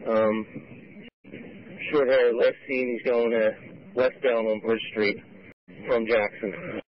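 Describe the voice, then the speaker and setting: A male police officer calling in a car pursuit over a police radio, in clipped, halting reports with many fillers. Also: medium pitch, flat delivery. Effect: police radio transmission. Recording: muffled dry radio audio.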